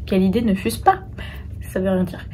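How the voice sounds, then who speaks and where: Young French woman, casual travel vlogger, filler-heavy chat, mid pitch, noisy street sound. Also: lively intonation, fairly quick, warm tone. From France. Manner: chatty, informal, lots of hesitations. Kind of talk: casual travel vlog talk to camera. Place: outdoors and in small rooms and cafés in a busy city.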